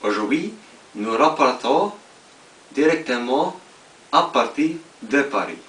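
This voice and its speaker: Man, mock news anchor, stiff halting read, distant in an echoey room. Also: mid-range voice, expressive, fairly bright tone. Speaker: news anchor in a parody newscast. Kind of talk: scripted mock newscast. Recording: echoey hall, far from mic, faint hiss.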